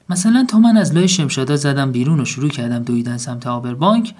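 A man narrating a comic first-person story in a deadpan tone. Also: on the high side. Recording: faint music behind.

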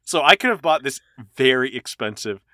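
Male podcast co-host, bright tone, dry close sound, jokey and laughing. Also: medium pitch, expressive, normal speed, dry recording. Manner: laughs often, jokey and rambling. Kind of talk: casual chat.

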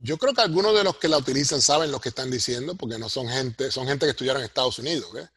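A man's voice: mid-range voice, lively intonation, fast, a bit bright, husky, no room sound, clean studio sound. A middle-aged man, a sociology professor answering interview questions earnestly, often checking with "¿ve?". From Puerto Rico. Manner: earnest, explanatory, asks "¿ve?" for agreement.

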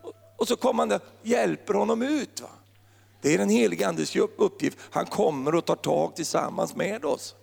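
A male pastor with a high, gravelly voice that swings widely in pitch, preaching in a playful, joking way. His words ring out with a long reverb, as if in a large hall. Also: darkish tone. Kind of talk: sermon.

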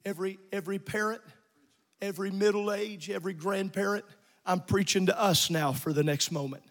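A middle-aged man, a pastor, preaching an evening sermon, building to shouts with quick asides. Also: high-pitched, steady tone, long reverb tail. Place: church sanctuary.

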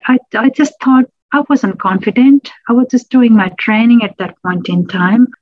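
A woman's voice: a little high, normal speed, dry recording. Woman from nepal telling her story, stops and restarts a lot, um's, muffled dry recording. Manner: reflective, with frequent restarts and "um"s. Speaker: public health lecturer, interview guest. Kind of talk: personal storytelling interview.

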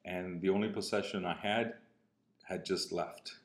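Speaking with a Cuban Spanish accent, this sixty-something business coach from Cuba tells a personal story earnestly, easing his pace and softening at the emotional moments. His voice is low and his intonation fairly even, captured with a roomy echo.

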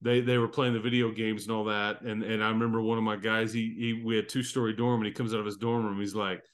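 A man's voice: on the low side, flat delivery, quick pace. A man in his fifties hosting a casual sports podcast. He reminisces at length and keeps circling back to restart his stories. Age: 50s. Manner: rambling, reminiscing storyteller. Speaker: podcast host.

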